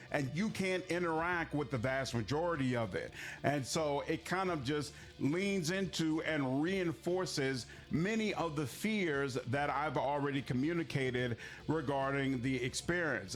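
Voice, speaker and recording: Speaking in a fairly high register, this male game reviewer talks through his opinions in a relaxed, explanatory way. He keeps a measured tone but stresses important words emphatically.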